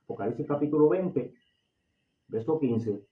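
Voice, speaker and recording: Male preacher, Puerto Rican accent, slightly high voice, passionate sermon delivery, echoey room. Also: lively intonation, normal speed. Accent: Puerto Rican Spanish. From Puerto Rico. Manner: impassioned, repeats and restarts phrases. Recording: echoey, distant, phone-like audio.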